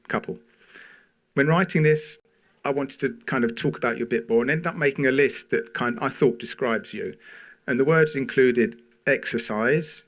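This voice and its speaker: Father of the bride at the wedding toast: middle-aged man, mid-pitched voice, affectionate and sincere, gentle humour, phrases set apart by pauses.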